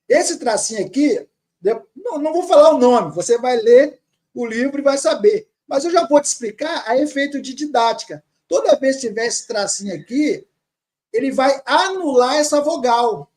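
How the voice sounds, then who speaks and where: A man teaching grammar, reading words slowly from a text and repeating them patiently. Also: extremely high pitch, animated, a little mellow. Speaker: teacher of Syriac Aramaic.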